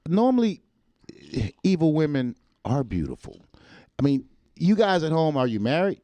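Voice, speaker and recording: A man's voice: fairly high pitch, sing-song, normal speed, warm tone, no echo. A man joking crudely and telling stories in a casual podcast chat. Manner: loose, crude, storytelling.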